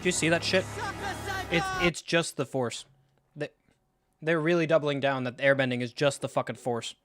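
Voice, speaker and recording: A man's voice: a little high, fairly even intonation, normal speed, loud music behind the voice. A young man streaming a live film reaction and ranting about it with sarcastic, profane disbelief. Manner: sarcastic, profane, incredulous rants.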